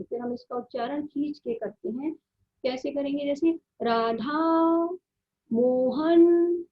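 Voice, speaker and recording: A woman teacher giving a grammar lesson, explaining slowly and drawing out the sounds she demonstrates. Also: sits high, muffled recording. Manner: slow, drawn-out explanation with repeated vowel sounds.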